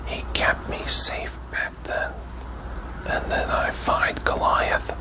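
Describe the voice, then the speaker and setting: A man voicing a brave, faithful young shepherd boy in a breathy whispered role-play for a children's storybook. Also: slow pace, close to an everyday voice. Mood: earnest, brave.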